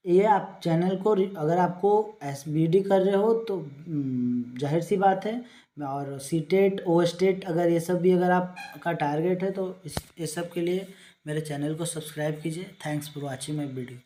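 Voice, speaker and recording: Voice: mid-range voice, dark tone, slight background noise. Rambling teacher explaining exam notes. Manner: reads English definitions slowly, then explains them in Hindi with everyday examples; loose, rambling delivery with frequent restarts. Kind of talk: exam-prep lecture.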